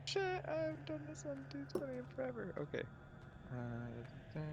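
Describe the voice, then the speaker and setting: A man playing in a tabletop game over voice chat, quietly making quick asides and declaring actions. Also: extremely high pitch, huge pitch swings, gravelly, background noise. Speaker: player. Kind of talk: casual tabletop play.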